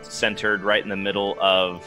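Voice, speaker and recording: A man playing a tabletop game, talking casually and haltingly as he works out his move. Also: fairly low pitch, flat delivery, bright, forceful tone, faint music behind. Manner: halting, working things out as he speaks. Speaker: player in a tabletop RPG. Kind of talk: casual table talk, thinking aloud.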